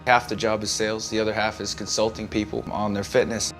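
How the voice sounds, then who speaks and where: A man's voice: fairly low pitch, little pitch movement, fast talker, fairly bright tone. A young man from the United States speaking in an easygoing, plain-spoken way about his fitness work and boxing. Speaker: fitness consultant and amateur boxer. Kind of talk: casual interview talk. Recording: faint music underneath.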